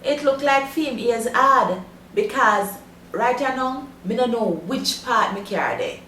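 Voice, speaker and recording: A woman's voice: on the high side, expressive, slow pace, a bit bright. A woman with a Jamaican accent telling a story in Jamaican Patois as a lesson host. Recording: roomy echo, faint background noise.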